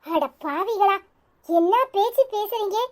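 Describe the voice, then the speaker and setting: A woman voicing a proud, sharp-tongued groom's mother in a cartoon, with a Tirunelveli accent, scolding the other family. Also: very high voice, slow pace. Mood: indignant. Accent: Tirunelveli Tamil. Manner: scolding, indignant.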